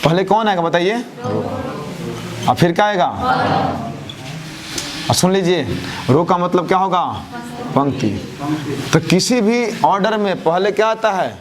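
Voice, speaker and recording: A man teaching a math class, who keeps asking questions and answering them himself, his answers dropping low and soft. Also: animated, unhurried, long pauses, a crowd in the background. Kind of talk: classroom lecture with call-and-response questions.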